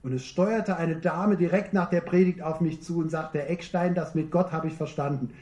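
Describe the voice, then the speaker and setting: High-voiced preacher in an echoey room. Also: male voice, steady tone, darkish tone, highs cut off. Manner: earnest, emphatic, slows down on key phrases. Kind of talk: sermon.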